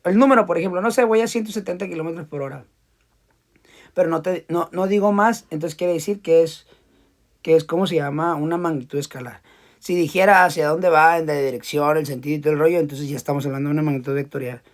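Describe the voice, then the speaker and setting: Man, physics teacher, casual lecture, fairly high voice, repeats words while explaining. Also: fast talker.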